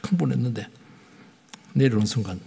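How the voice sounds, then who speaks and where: A nasal male pastor in his fifties preaches with an excitable, swooping delivery that climbs into loud bursts. His voice is gravelly and husky, and it rings out with a long hall reverb. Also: mid-range voice, a little fast. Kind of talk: sermon. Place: church sanctuary.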